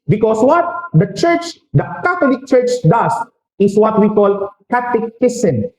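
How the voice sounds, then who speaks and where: Filipino priest giving a sermon, high voice, echoey church, joking around with the crowd. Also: male voice, very animated, darkish tone. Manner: preaching with rhetorical questions and quick jokes.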